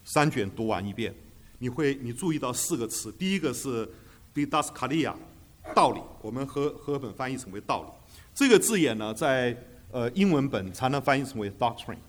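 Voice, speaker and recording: A man's voice: mid-range voice, animated, moderate pace. A man teaching a Bible class, emphatic, asking rhetorical questions and hesitating often with fillers, dropping English terms into his talk. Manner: drops English terms into speech.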